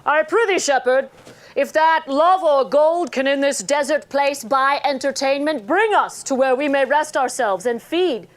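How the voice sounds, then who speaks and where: A courteous but commanding youth, really a young heroine in disguise, acted by a woman. The voice is high, with the formal phrasing of stage Shakespeare. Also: measured pace.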